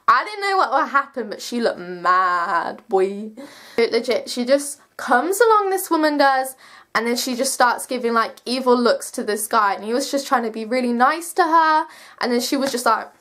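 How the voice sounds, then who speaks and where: High-pitched teenage girl telling a story. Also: lively intonation, a little slow, fairly bright tone. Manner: slangy, swearing, emphatic. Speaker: vlogger telling a personal story. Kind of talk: casual animated storytime monologue.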